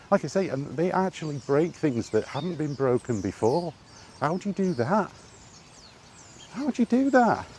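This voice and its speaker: This British man's voice sits on the high side and sounds warm as he rants, unscripted and exasperated, with plenty of swearing, like a gaming vlogger talking during a walk. Rhetorical questions come up repeatedly. Background noise from outdoors is clearly audible.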